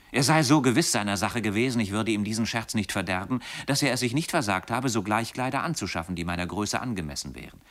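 A man with a lowish voice reads classic literature aloud as an audiobook narrator. His storytelling is steady and expressive, paced as scripted narration.

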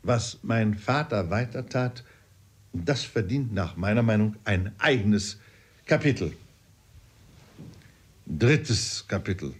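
A man's voice: on the low side, lively intonation, slow pace, long pauses, slightly rough. A man reading a classic novel aloud in a wry storytelling manner. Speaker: audiobook reader. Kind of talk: literary narration.

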